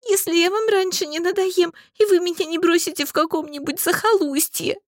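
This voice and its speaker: A woman voicing a fiery, touchy young woman with shrill, explosive outbursts. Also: fairly even intonation, brisk, dry recording, studio quality. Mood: indignant.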